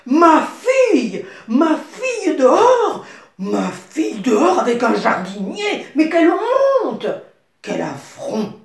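Woman reader does a raging old storybook king, high shrill shouts, echoey room. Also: very animated, slow, creaky, exaggerated voice. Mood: furious. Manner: shouting in outrage. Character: furious old king, a man.

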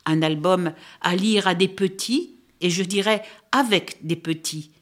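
A woman reviewing a children's picture book who reads long stretches of it aloud as an expressive storyteller. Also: lowish voice, a little slow.

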